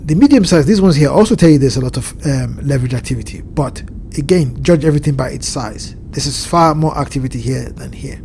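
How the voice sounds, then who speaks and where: Speaking from home in the evening, this Southern Hemisphere crypto market analyst explains a chart over screen share, measured but pausing often to find words. His blocked nose makes his medium-pitched voice slightly nasal; he's animated, a little mellow, with vocal fry and a faint hiss or hum.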